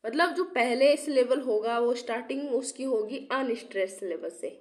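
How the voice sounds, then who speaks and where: A young woman with a slightly high voice teaches an exam-prep lesson while unwell, coughing now and then. She poses rhetorical questions, repeats each key term and keeps checking in with her students. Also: normal speed. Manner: checks in often with "theek hai". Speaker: English literature teacher.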